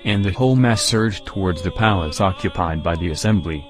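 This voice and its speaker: Male narrator for history reading, low pitch, measured delivery over soft music.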